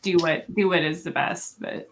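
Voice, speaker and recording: Young woman rambling while she draws on stream, low gravelly voice, faint hiss behind. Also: fairly even intonation, moderate pace. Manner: rambling, thinking aloud with many fillers. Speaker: streamer and artist. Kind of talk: casual live-stream chat while drawing.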